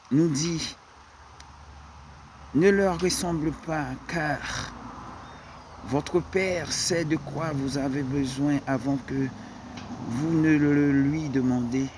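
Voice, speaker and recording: Slow, halting French-speaking male preacher. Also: a little high, a little mellow, slight background noise. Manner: slow, halting delivery with repeated words. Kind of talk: sermon.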